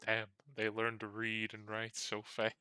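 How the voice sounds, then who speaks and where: A man's voice: fairly low pitch, monotone, a little slow, sharp tone, clear, resonant tone, dry recording. A man playing a tabletop game, chatting casually with a joking, profane manner. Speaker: player.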